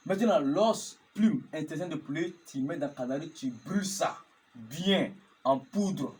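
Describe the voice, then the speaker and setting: A man with a fairly high, expressive, somewhat mellow voice speaks a little slowly as he teaches geomancy as a marabout. In this instructional talk he chants formulas repeatedly and often asks whether listeners are following.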